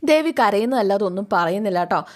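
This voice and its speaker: A woman's voice: mid-range voice, animated, fast. A woman casually retelling a serial's plot, chatty, with asides to listeners. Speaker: storyteller recapping a serial. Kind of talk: casual storytelling recap.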